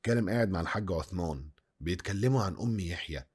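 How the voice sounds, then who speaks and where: A man's voice: low-pitched, rapid-fire, darkish tone, husky. A man with an Egyptian Arabic accent narrating a film review video essay, analytical and full of rhetorical questions.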